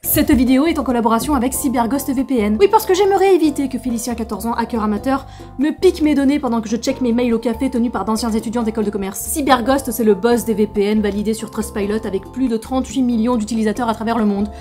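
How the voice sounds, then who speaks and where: A woman's voice: on the high side, fast, darkish tone, soft background music. A woman talking to camera in a casual vlog, playful and sarcastic, with jokey asides. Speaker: YouTuber. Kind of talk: casual vlog monologue with sponsor read.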